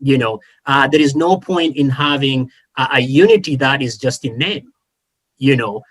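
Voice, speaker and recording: A man from Kenya talks as a panelist in a policy discussion. His delivery is earnest and measured, broken by frequent fillers and self-corrections. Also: medium pitch.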